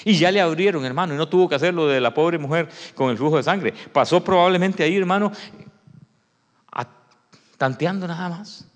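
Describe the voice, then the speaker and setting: Preacher guy, dramatic, yells then goes quiet, lots of hall echo. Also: a little high, a little fast. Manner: dramatic, acts out the story, swings from shouting to hushed. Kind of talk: sermon. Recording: long reverb of a hall.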